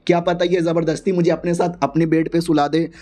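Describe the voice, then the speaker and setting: A flustered young bride, nervous and rambling, who laughs at her own awkwardness, put on by a male narrator. The voice sits high yet stays mellow and soft at the edges. It is told as a storybook recap. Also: flat delivery, a little fast, natural voice. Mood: fretful. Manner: nervous, self-mocking, rambling.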